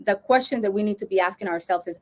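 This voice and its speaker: Talking quickly in a medium-pitched, darkish voice, a social worker from Honduras educates her colleagues in the field. Her delivery is earnest and exploratory, full of fillers and false starts.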